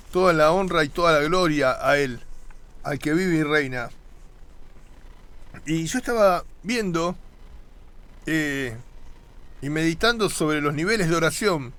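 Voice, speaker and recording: A man preaching a sermon, earnest and conversational, with pauses and repeated phrases. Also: sits high, fairly bright tone.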